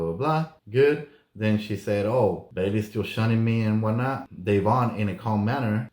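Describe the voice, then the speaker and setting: Chatty low-voiced man in an echoey room. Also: darkish tone. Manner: chatty, exclaiming, acting out others' remarks. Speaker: reality show recap host. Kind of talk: casual recap commentary.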